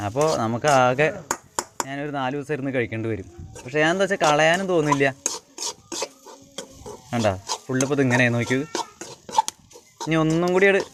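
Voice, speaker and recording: Pausing often, a medium-pitched man speaks at a moderate pace as he shows viewers his home cooking over a wood fire. This Kerala home cook and vlogger rambles casually and repeats phrases while he works. The self-shot audio is noisy, with clattering pans and clicks.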